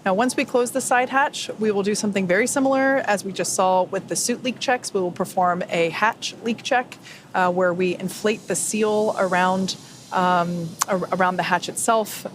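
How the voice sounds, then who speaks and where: A woman giving live, unscripted webcast commentary, explaining procedures in a somewhat halting way. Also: lowish voice. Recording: faint background noise.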